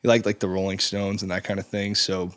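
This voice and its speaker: Laid-back young man, low voice. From Czech Republic. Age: 20s. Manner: relaxed, halting, with frequent ums and restarts. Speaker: musician guest. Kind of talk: casual interview chat. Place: recording studio.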